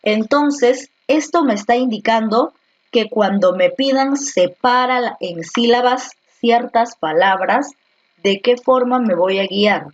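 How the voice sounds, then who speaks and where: A woman's voice: on the high side, takes it slowly, highs cut off. A woman teacher explains a grammar lesson step by step, asking questions and answering them herself.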